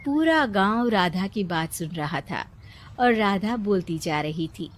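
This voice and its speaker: A woman's voice: medium pitch, expressive, slow pace. A woman narrator reading a scripted moral story.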